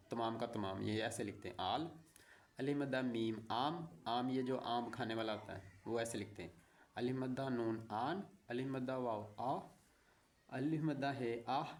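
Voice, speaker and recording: A man teaching beginners to read, sounding out each letter pairing slowly and patiently. He breaks in now and then with short explanations before going back to the drill. His voice sits at an ordinary middle pitch. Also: darkish tone. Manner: slow, patient syllable-by-syllable drilling with short asides. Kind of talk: spelling out letter combinations for beginners.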